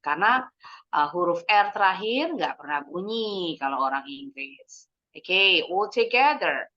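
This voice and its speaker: A woman English teacher leading a kids' lesson, slowly modeling words for the class to repeat, mixing English phrases into her explanations and praising answers. She clears her throat often. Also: fairly low pitch, expressive, bright, forceful tone, lo-fi sound. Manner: encouraging praise after answers. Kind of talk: online English lesson for kids.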